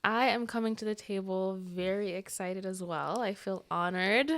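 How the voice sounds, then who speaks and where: Earnest young woman from Uganda, smooth. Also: mid-range voice, steady tone. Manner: earnest, warm, many um pauses. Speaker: podcast co-host. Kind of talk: casual podcast chat.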